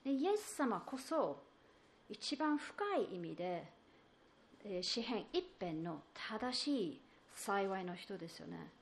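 A woman's voice: mid-range voice, expressive, slow pace, creaky. A woman preaching a sermon, explaining patiently and asking the listeners questions, with many fillers and restarts. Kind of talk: sermon on a psalm.

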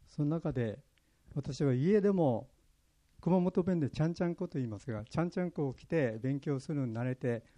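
A man's voice: mid-range voice, dark tone. A pastor from Kyushu, Japan, preaching a sermon in an earnest way, sharing his own stories. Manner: earnest, personal storytelling.

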